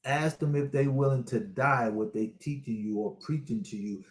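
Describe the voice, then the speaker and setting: A spiritual life coach in his sixties preaches to viewers during a motivational livestream, addressing them directly in a preachy, repetitive way. His mid-range voice moves at a moderate pace in an echoey room.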